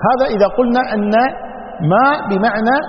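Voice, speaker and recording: Male scholar with a high voice, teaching a religious lesson, methodical and repetitive, dull lo-fi recording in a reverberant hall. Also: steady tone, quick pace, a little hiss or hum. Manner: explanatory, repeats and weighs readings of a verse. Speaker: Islamic scholar giving Quran commentary. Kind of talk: religious lesson to a live audience.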